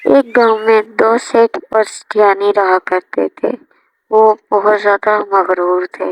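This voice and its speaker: Narrating a scripted story over background music, a woman reads slowly with a flat delivery in a medium-pitched voice. There's no echo, though the audio is dull and lo-fi.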